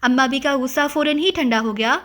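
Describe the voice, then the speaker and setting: A woman narrating an audiobook novel in an even, expressive storytelling manner. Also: sits high. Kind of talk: scripted narration.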